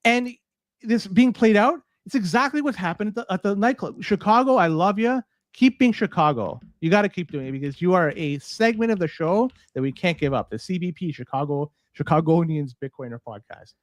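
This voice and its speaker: Male podcast co-host from Toronto, lively and high-pitched, exasperated, on a dry close mic. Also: brisk, dry recording. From Toronto, Canada. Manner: animated, swearing, exasperated. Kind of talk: casual podcast banter.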